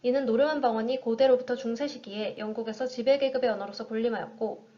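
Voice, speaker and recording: A young woman gives a formal, orderly part of a university presentation. Her voice sits a little on the high side. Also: steady tone, fast, dark tone, lo-fi sound. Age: young adult. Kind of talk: scripted class presentation.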